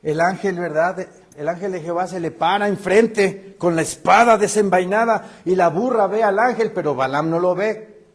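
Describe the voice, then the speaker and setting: A male pastor preaching a sermon, animated and acting out the voices he quotes. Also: high-pitched, normal speed.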